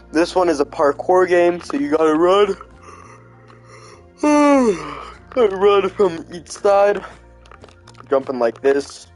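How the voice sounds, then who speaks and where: A man's voice: mid-range voice, a little mellow, rough recording. A man giving casual gameplay commentary while touring his build. He sounds sleepy and rambles, with lots of fillers like "like" and "um". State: sleepy, yawning. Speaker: video game creator touring his build.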